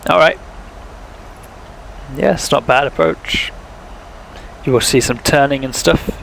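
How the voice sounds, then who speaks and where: A man's voice: a little high, measured pace, vocal fry, fairly bright tone, slight background noise, rough recording. A young man, chatting casually while streaming a flight sim, thinking aloud and talking to viewers, with a sore throat. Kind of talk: casual live-stream commentary.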